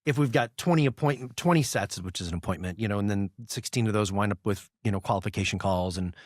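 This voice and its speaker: A man's voice: on the low side, quick pace, no echo, clean studio sound. A man hosting a podcast in casual talk, blunt and emphatic, with frequent swearing. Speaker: podcast host, business owner. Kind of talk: casual conversation.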